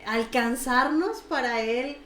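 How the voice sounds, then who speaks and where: A woman hosting a radio interview speaks slowly and without hurry, mostly with short affirmations. Her voice sits a little high. The room is roomy with a faint hiss behind. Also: bright, forceful tone. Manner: brief listening affirmations, slow unhurried talk. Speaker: radio host. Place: radio studio.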